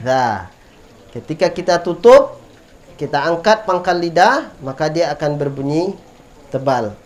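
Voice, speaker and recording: A man with an Indonesian accent teaching Quran letter pronunciation, drilling each sound patiently and repeating it for students. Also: a little high.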